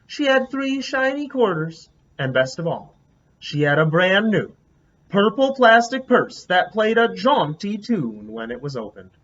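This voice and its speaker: Acting as a teacher, a man reads a picture book aloud as a lively storyteller, pausing to comment on the pictures. His voice sits high and his pace is a little slow, and the recording has its highs cut off.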